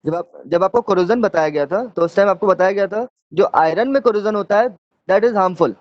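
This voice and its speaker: Guy teacher with a high voice doing an online lecture, keeps asking if it's clear, muffled lo-fi audio. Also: normal speed, dry recording. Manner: explains step by step with frequent check-in questions.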